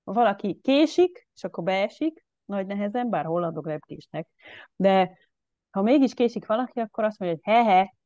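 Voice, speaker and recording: A woman giving a casual online lecture, chatty and animated, with many fillers. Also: mid-range voice, dry recording. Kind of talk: online presentation. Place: at home. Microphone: video call. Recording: dull lo-fi video call audio.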